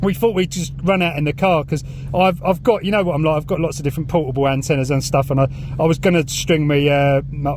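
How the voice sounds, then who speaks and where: A man with a slightly high voice and a southern English accent vlogs as a radio hobbyist in and around his parked car outdoors. He chats casually, enthusiastically and in a matey way while demonstrating and talking on CB radio, with slight background noise.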